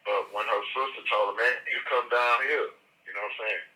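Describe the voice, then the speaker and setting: A man's voice: on the low side, steady tone, a little fast, bright, forceful tone. A man, speaking on a prison phone call and telling his story in a rambling way with many fillers. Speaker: incarcerated interviewee. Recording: distant tinny prison phone line.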